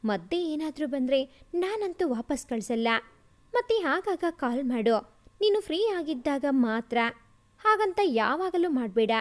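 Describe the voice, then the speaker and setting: A woman's voice: high voice, a little mellow. Woman reading as a devoted young fiancée. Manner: earnest, heartfelt.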